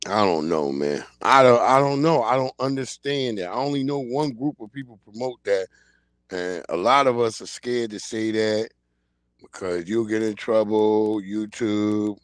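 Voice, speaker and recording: Fairly low in pitch and unhurried, a man in his forties hosts a casual livestream, ranting bluntly and in slang about the news of the day. The streaming-mic recording is dry.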